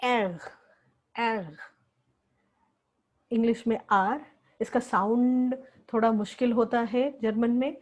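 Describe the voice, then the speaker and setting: A woman's voice: a little high, steady tone, slow pace, long pauses, low-quality recording. A woman teaching a language lesson, patiently repeating each word several times. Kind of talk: slow spoken lesson with repeated words.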